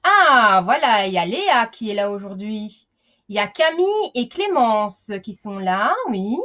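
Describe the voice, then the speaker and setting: A woman's voice: mid-range voice, big pitch swings, measured pace, bright, forceful tone, highs cut off. A woman teaching a live online class for young children, chatty, greeting each child by name.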